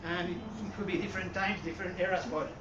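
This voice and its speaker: This art history presenter from Puerto Rico speaks quickly, his accented Spanish wandering as he stops, restarts, and leans heavily on "um" and "uh." His mid-pitched voice is captured from a distance in an echoey room, sounding muffled and dull with steady background noise.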